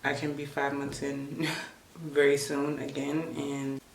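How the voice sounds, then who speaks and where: An emotional vlogger with a mid-pitched voice speaks candidly, stressed and close to tears. The talk is confessional and unscripted, recorded in an echoey room with faint noise behind it. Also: completely flat delivery, slow pace, vocal fry. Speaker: hair vlogger and loctician. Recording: roomy echo, faint background noise.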